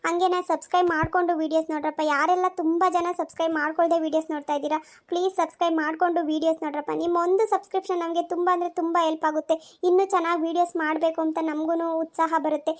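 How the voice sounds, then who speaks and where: Brief: woman creator, hurried outro plea, high and quick. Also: little pitch movement. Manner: quick, pleading. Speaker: cartoon channel creator. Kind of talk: channel outro asking for subscriptions.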